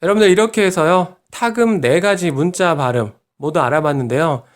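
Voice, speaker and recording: A man teaching Japanese pronunciation in a lesson video, patient and encouraging, modelling each syllable slowly. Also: on the high side. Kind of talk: online language lesson.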